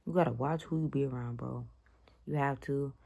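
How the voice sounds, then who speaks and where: A woman's voice: rumbling low, normal speed, gravelly, dark tone. A young woman telling a story to her viewers in a blunt, slangy, profane rant. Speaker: vlogger. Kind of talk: casual storytime vlog.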